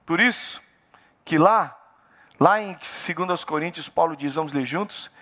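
A middle-aged man with a Brazilian Portuguese accent preaches a sermon in a church. His voice sits high and rings bright, climbing in emphatic repeated phrases. He keeps turning to the congregation with direct questions. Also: normal speed. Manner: preaching with rising, emphatic repetition. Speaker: pastor.

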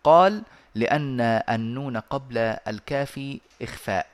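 A man teaching a lesson on Quran recitation rules over an online voice call. He explains at a measured pace with many pauses and fillers, and he chants the verses he quotes. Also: mid-range voice, expressive.

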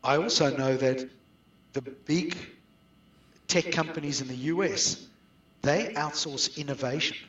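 His voice a little high and a bit bright, a middle-aged South African business guest speaks a little slowly and pauses often while answering interview questions about outsourcing. The audio sounds dull and roomy, with echo and the mic set distant from him.

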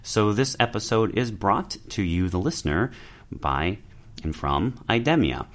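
A man's voice: fairly low pitch, lively intonation, unhurried. A man hosting a podcast, introducing a guest and asking friendly, chatty questions. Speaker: podcast host. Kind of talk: casual podcast interview.

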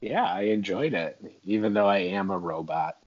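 A man chatting as a podcast guest, with dry, deadpan joking. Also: low voice, moderate pace, highs cut off. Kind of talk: casual chat.

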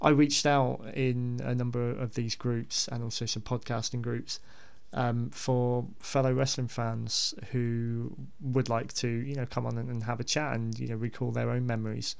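A man speaks as a podcast host in a casual, unscripted style. His voice has a lot of fry and stays fairly even in pitch. He rambles hesitantly, often repeating words as he goes. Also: moderate pace, few pauses.

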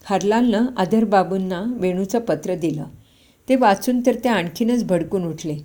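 A woman reading a short story aloud as a storyteller, in steady narration with the characters' lines spoken in quotes. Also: mid-range voice, unhurried.

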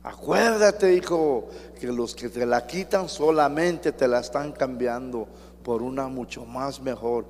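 A man's voice: mid-range voice, a little slow, a little mellow, big-room sound, a little hiss or hum, close to an everyday voice. A man voicing a grieving mother who pleads with her son to hold on, in a raised voice. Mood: pleading.

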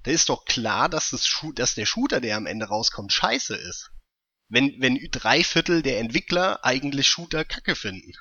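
A man's voice: medium pitch, big pitch swings, moderate pace, sharp tone, slightly rough, dry recording, dull audio. A man co-hosting a casual gaming podcast, explaining his points through hypothetical scenarios. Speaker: podcast co-host.

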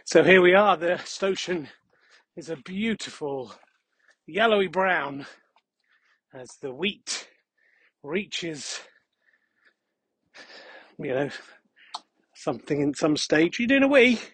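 A man's voice: a little high, slow pace, long pauses, a bit bright, breathy edge, no room sound. A man hosting a podcast as a casual, rambling monologue while walking outdoors on a country path. He is out of breath and adds dry, jokey asides. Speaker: podcast host.

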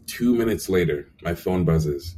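A young man telling lively stories as a guest in a casual interview, acting out quotes with lots of fillers. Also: low voice, a little slow, far from the mic, slight background noise. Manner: animated storyteller, acts out quotes, frequent fillers. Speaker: animation supervisor guest.

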